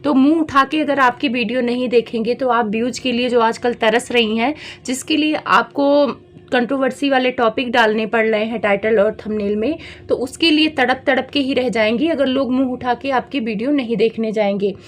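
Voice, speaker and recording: Woman, high-pitched, chatty, scolding commentary vlogger. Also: normal speed. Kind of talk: reaction commentary vlog.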